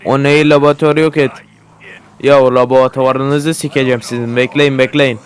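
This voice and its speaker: A man giving casual gameplay commentary for his channel, swearing a lot and often yelling at the game in excitable bursts. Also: medium pitch, brisk. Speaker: gaming YouTuber.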